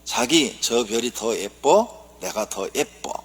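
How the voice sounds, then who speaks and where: A pastor voicing a sweet, flirtatious wife from Seoul, cooing slowly. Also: male voice, medium pitch, lively intonation, breathy edge. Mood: coy. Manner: slow, cooing and coy. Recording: long church reverb.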